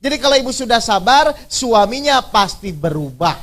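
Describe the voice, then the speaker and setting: A man's voice: very high voice, very animated, moderate pace, fairly bright tone. A male preacher leading an interactive religious workshop, constantly quizzing his audience with questions and teasing them through everyday examples.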